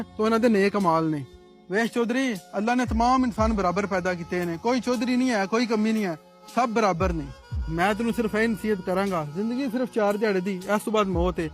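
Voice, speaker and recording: An actor playing a kind visitor who reassures a servant and gives earnest advice. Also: male voice, high voice, natural voice. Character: kind visiting man who preaches equality.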